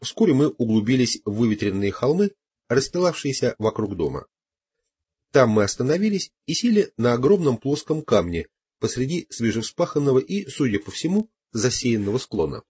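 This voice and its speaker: A man narrating an audiobook in first person with a measured, expressive reading. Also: mid-range voice, husky.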